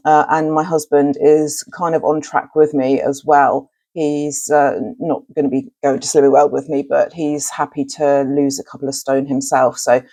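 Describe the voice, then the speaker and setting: A woman's voice: low voice, flat delivery, moderate pace, few pauses, warm tone, dry recording. A woman giving a casual, conversational update as a vlogger.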